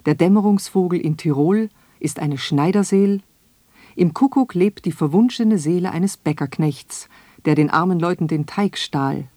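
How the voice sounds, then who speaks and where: A woman reading her own radio essay in a slow, measured, reflective way. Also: fairly low pitch, mellow, no room sound. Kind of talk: scripted radio essay narration.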